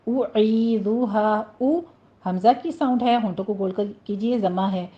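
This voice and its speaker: A woman teaching Quran recitation rules, explaining each word, then reciting it slowly and carefully. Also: medium pitch, highs cut off. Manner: instructive, drawn-out recitation of single words.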